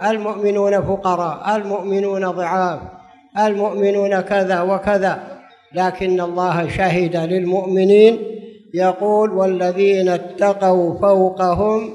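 A man's voice: high-pitched, level tone, moderate pace, darkish tone, soft background music. A man giving a religious lesson as a preacher, speaking formal Standard Arabic and explaining with repeated phrases. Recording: long hall reverb.

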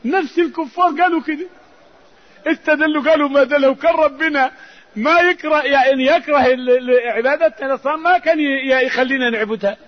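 A man's voice: very high voice, fast talker. A man giving a religious lesson as an Islamic scholar, fervent, with raised emphatic outbursts. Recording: dull lo-fi recording.

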